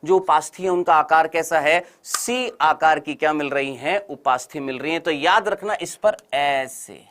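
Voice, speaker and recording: Man, exam-prep teacher, call-and-response drilling, brisk, teasing. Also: a little high, fairly bright tone. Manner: repeats questions and answers in call-and-response drills; brisk, teasing, urges students to answer quickly. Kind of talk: online exam-prep lecture.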